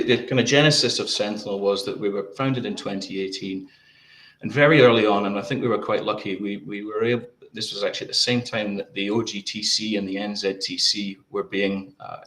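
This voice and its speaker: A man with a low voice giving interview answers from an echoey room. He talks in a flat, even tone and often stumbles and repeats words before getting to his point. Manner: halting, many repeated words. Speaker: guest.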